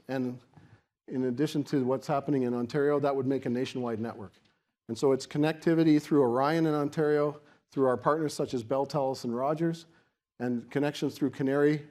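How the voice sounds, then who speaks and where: A man giving a semi-extemporaneous podium speech as a keynote speaker, explaining in a halting way with repeated restarts. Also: medium pitch, mellow. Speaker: keynote speaker for a technology organisation.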